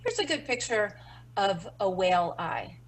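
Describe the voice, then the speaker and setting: A woman leads a webinar lesson, talking things through in a loose, conversational way. She fills pauses with ums and uhs and restarts her sentences as she explains. Her voice sits at an ordinary middle pitch. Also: big pitch swings, creaky, low-quality recording. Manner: explanatory, many fillers. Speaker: dog training instructor.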